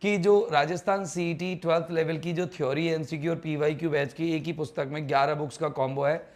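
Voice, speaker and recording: A man's voice: on the high side, steady tone, fairly quick, darkish tone. A man, teaching a live online English grammar class in a chatty, teasing way and quizzing students on their answers.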